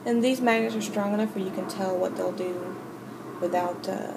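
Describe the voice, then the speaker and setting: Creaky-voiced woman giving a casual craft tutorial. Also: mid-range voice, fairly even intonation. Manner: informal, halting, thinking aloud. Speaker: hobby video host. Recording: noisy home recording.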